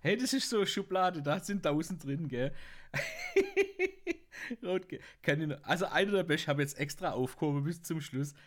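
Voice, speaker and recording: A man's voice: fairly high pitch, huge pitch swings, moderate pace, a bit bright. A man with a Swabian accent telling jokes on his podcast, often bursting out laughing at his own punchlines. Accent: Swabian German. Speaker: podcast host. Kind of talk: joke-telling podcast monologue.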